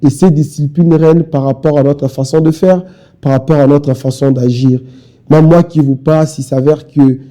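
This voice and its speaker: A young adult party spokesman from Kinshasa, speaking French with a Congolese accent, makes his case insistently and repetitively in a televised interview. His voice is fairly high, steady and mellow, at a moderate pace.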